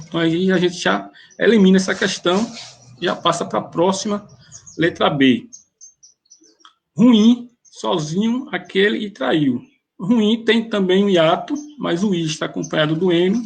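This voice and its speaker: A man teaches rules through exam questions, working methodically and restarting phrases as he goes. His voice sits high and has a gravelly, husky edge. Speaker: grammar teacher.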